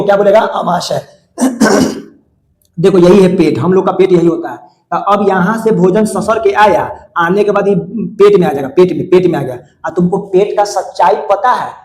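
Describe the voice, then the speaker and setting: A man's voice: high-pitched, a little mellow. A male teacher, drilling students with repeated call-and-response questions in colloquial speech. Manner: repeats words many times, colloquial. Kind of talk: classroom lesson. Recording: echoey room.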